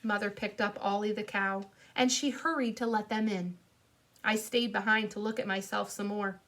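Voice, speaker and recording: A woman's voice: medium pitch, steady tone, moderate pace, a bit bright. A woman narrating a children's audiobook in a playful, childlike storytelling voice.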